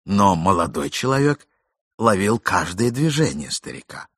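A man narrates a story with lively, dramatic phrasing. His voice is husky and sharp, with wide pitch swings, recorded dry and close. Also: moderate pace, dry recording. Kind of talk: expressive story reading.

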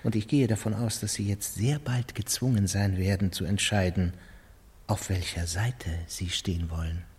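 A scheming court official in a radio play, cold and disdainful. His voice is very deep and husky, and a quiet menace sits under every line. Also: steady tone, normal speed. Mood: menacing. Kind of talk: radio drama acting.

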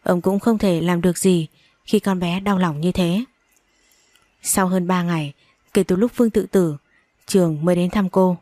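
A woman's voice: lowish voice, steady tone, normal speed, long pauses, mellow, no echo. A woman reading a dramatic story aloud and voicing every character with strong emotion. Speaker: audiobook narrator. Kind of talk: storybook narration with acted dialogue.

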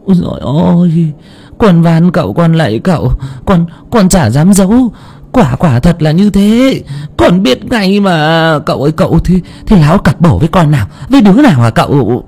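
Man putting on a flustered market woman, high rough voice, stammers and begs. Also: sing-song, moderate pace, a little mellow, full character voice. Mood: pleading. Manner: stammering, pleading. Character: flustered middle-aged seafood seller begging a medium, stammering. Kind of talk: audiobook character voice.

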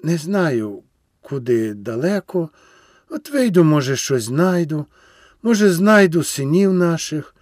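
A man reading a storybook and voicing a grieving, resigned old peasant man who speaks tenderly and haltingly. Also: fairly high pitch, sing-song, darkish tone, no room sound, studio quality, voice pushed up.

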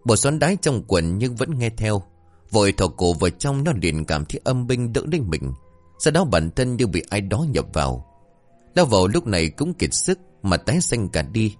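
A man with a deep voice narrating a spooky comic tale. His delivery swings widely in pitch and stays dramatic, with faint music underneath. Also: big pitch swings, moderate pace, dry recording. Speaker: storyteller. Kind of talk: scripted horror-comedy narration.

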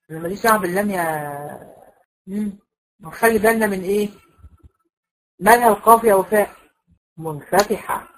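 A woman's voice: mid-range voice, poor audio. A woman with an Egyptian accent teaching Quran recitation rules in a classroom lecture, asking her students questions and demonstrating the sounds herself. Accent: Egyptian Arabic.

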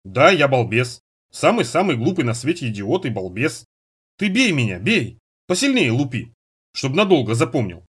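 A man's voice: medium pitch, sing-song, moderate pace, a bit bright, husky, heavily acted. A man reading an audiobook voices a shy young man who mumbles earnestly. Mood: tender.

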